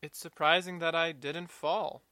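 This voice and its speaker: A woman voicing a polite, earnest young male robot student who speaks in a calm, plain way with a faint hesitancy. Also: low voice, unhurried, no room sound, pitched below the performer's own voice.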